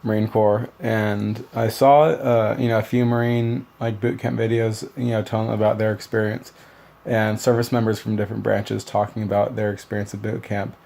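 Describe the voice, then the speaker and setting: Gravelly young man casually rambling. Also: fairly low pitch, little pitch movement, moderate pace, dark tone. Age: young adult. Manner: rambling, loose, many fillers and restarts. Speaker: new Marine recalling boot camp. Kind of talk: casual storytelling vlog.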